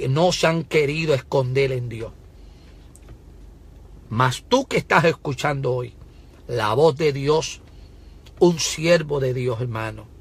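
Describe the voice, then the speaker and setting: A man's voice: mid-range voice, gravelly, slightly rough. A man preaching a prophetic sermon, fervent, repeatedly urging listeners to listen and breaking into tongues. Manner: bursts into shouted tongues.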